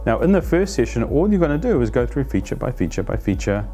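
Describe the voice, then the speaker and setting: A man in his fifties explaining a team planning practice to camera as an agile coach, conversational and animated, on a lapel mic in a plain studio. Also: medium pitch, fast talker, faint music behind. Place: plain studio against a light wall.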